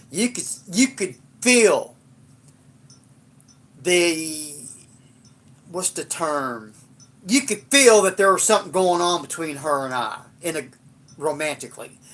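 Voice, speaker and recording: A man's voice: on the high side, fairly bright tone. An older man, telling a rambling, blunt and profane story in a casual livestream. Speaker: livestream host.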